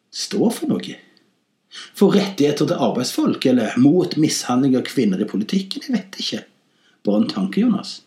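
In an echoey room, a male comedy podcast host tells comic stories and offers satirical commentary, his animated delivery swinging widely in pitch and loudness, punctuated by sarcastic, deadpan jabs.

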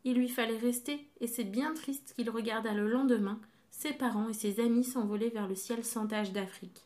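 A woman's voice: a little high, fairly even intonation, normal speed. Woman telling a children's story. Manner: gentle, explaining to a child.

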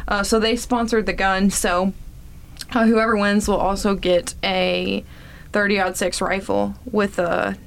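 A woman's voice: medium pitch, level tone, measured pace, gravelly. A woman guest in a casual interview, explaining programs in a friendly way with frequent ums. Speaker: foundation representative, guest.

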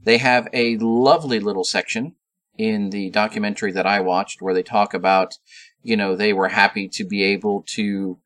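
A man's voice: on the low side, steady tone, normal speed, fairly bright tone. A man co-hosting a podcast, talking casually as he explains background details. He fills his sentences with ums and little asides and keeps a loose, conversational flow. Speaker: podcast co-host. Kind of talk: casual chat.

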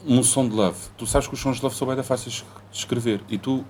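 A man's voice: mid-range voice, steady tone, fast talker, darkish tone, slight background noise. A young man, bantering casually with a friend in insistent slang, swearing freely. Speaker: rapper.

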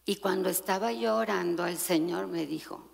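Low, gravelly woman with a preachy tone. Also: normal speed. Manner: earnest, preachy. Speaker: women's group member sharing testimony. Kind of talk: casual testimony. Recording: reverberant room.

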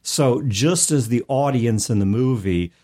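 A mellow, mid-range male voice at a measured pace belongs to a podcast host in an easygoing tabletop gaming discussion. His lengthy explanations are reflective and hedged with asides.

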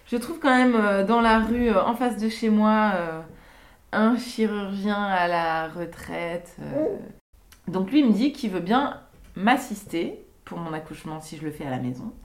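A young woman and mother telling her own birth stories in an unscripted, hesitant way, with many pauses and fillers. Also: mid-range voice. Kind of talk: unscripted personal testimony.

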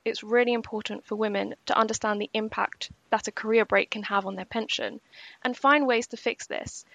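A woman co-hosts a podcast, working through a scripted roundup of pension news at a measured, explanatory pace. Her voice sits fairly high and carries a gravelly fry, and the recording is dry and close with no room sound. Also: a bit bright, no echo. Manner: measured and explanatory, slowing for key points. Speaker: podcast co-host.

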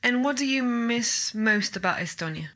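A woman's voice: on the high side, expressive, normal speed, pushed and bright. A woman interviewer putting short, open questions to her guest.

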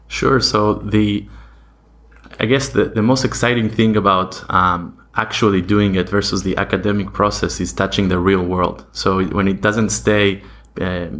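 A man from Argentina, a podcast guest, answering in a thoughtful, steady way with frequent ums. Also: fairly low pitch, a little slow. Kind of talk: interview answers.

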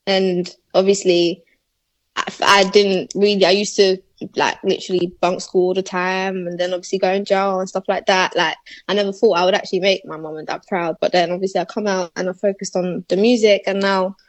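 A young woman rapper, chatting easily and breaking into laughter between thoughts. Her voice sits at an ordinary middle pitch. It is recorded close and dry, with no room sound around her. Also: brisk, no echo. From born in Malawi, raised in England. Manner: relaxed, laughs often, slangy. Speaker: rapper guest. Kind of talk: casual interview chat.

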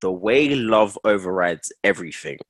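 A man's voice: low-pitched, expressive, moderate pace, dry recording. A man in his twenties with a London accent and roadman slang, chatting casually among friends. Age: 20s. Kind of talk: casual group chat.

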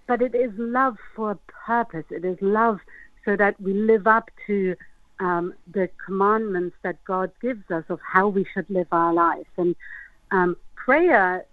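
A woman rabbi speaks thoughtfully as a call-in radio guest. Her voice is mid-pitched and comes through a narrow, tinny phone line with no room sound around it. Her delivery is gentle and measured. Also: dry recording. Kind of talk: calm explanatory interview answers. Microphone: phone call into radio show.

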